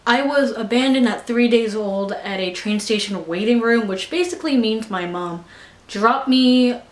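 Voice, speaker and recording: A young American woman vlogs earnestly to camera, her speech dotted with fillers and occasional stumbles where she restarts sentences. Her voice is on the high side and a little slow, and the room sounds echoey.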